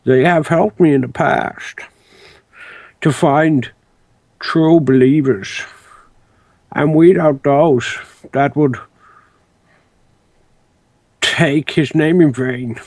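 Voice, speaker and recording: Guy putting on a grave ponderous zealot for an rpg, really slow, dry sound. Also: on the high side, darkish tone, no room sound, exaggerated voice. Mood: solemn, threatening. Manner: slow, ponderous, pronouncing judgement. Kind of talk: tabletop role-play.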